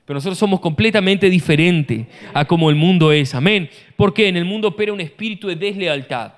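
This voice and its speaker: A man, a pastor preaching an animated sermon full of rhetorical questions, recorded in a church hall. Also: high-pitched, a little fast. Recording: long church-hall reverb.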